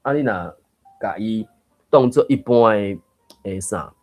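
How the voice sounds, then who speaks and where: A man's voice: lowish voice, unhurried, soft background music. A man with a Taiwanese accent hosting a book reading group, explaining pronunciation in a chatty, digressive way and thinking aloud. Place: online reading room.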